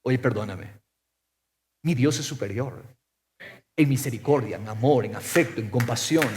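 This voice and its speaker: A man preaching a sermon as pastor, firing off rhetorical questions and swinging from loud to soft. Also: medium pitch, normal speed, a little hiss or hum. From Ecuador.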